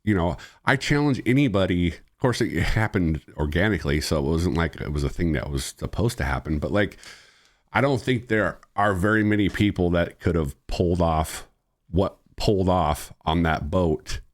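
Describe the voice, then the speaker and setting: Deep voiced dude streaming, rambly, swears a lot, laughs a bunch. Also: male voice, animated, normal speed. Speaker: streamer host. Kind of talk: casual chat.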